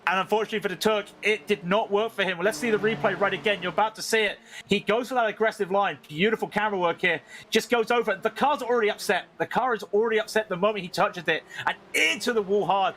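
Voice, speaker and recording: A man's voice: sits high, fast talker, few pauses, a bit bright, slight background noise. A man working as a motorsport co-commentator, analysing a sim race live in short, conversational phrases.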